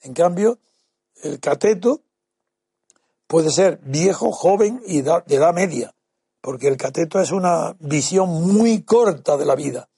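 A man explaining the meaning and origin of words in answer to a question, in a deliberate, lecturing way with frequent halting restarts. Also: fairly high pitch, animated, creaky, mellow, husky, no room sound, studio quality. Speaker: language expert answering a listener's question. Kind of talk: explanatory talk on word meanings.

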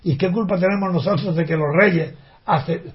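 A man's voice: high-pitched, normal speed. An older man in an opinionated spoken monologue, talking indignantly with rhetorical questions and frequent restarts. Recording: dull lo-fi recording.

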